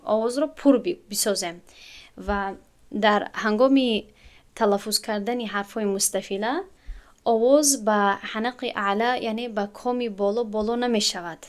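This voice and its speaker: A woman teaching a recitation lesson, explaining patiently and drawing out syllables to demonstrate how they sound. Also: medium pitch. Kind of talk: tajweed lesson to students.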